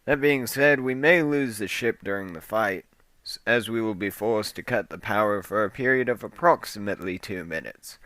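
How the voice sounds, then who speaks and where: A man's voice: on the low side, moderate pace, fairly bright tone, no echo, natural voice. A man playing a commanding, wisecracking male rebel leader who gives orders to his crew. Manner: commanding, sarcastic.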